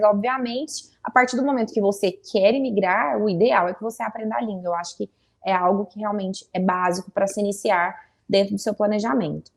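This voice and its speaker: A woman, hosting an interview and explaining points in a clear, encouraging way. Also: mid-range voice, darkish tone. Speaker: immigration consultant, interviewer.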